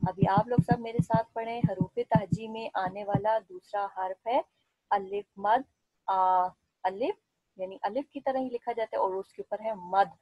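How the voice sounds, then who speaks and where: A woman teacher giving an Urdu alphabet lesson to young children, slowly repeating each letter sound and example word. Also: on the high side, dry recording, dull audio. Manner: slow, clear, repetitive drilling of sounds.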